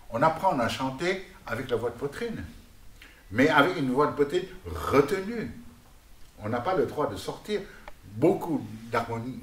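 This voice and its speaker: A man's voice: mid-range voice, a bit bright. A man from Vietnam, a guest musician giving a rambling lecture on singing voices, often asking "n'est-ce pas?". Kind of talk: lecture with vocal demonstrations. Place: artist's workshop, indoors. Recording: roomy hall with faint noise.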